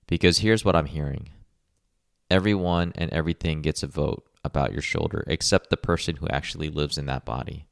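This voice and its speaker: A man hosting a rehab podcast, speaking in a calm, measured coaching tone in a scripted monologue. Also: a bass voice, creaky, no room sound, studio quality. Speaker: podcast host, rehab clinician.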